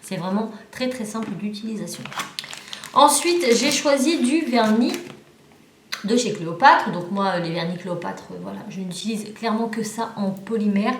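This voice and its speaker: A woman's voice: mid-range voice, expressive, moderate pace, a little hiss or hum. A chatty woman with a southern French accent walks through a parcel of craft supplies and keeps stopping to rephrase. Her voice sits in the middle of the range. The room gives it a noticeable echo. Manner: chatty, many fillers and restarts. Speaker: craft YouTuber reviewing a parcel. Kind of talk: casual chat.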